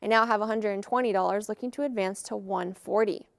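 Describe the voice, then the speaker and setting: A woman auctioneer calling bids in a live auction with brisk, formulaic patter. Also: mid-range voice, fairly even intonation, creaky, smooth, no echo, studio quality.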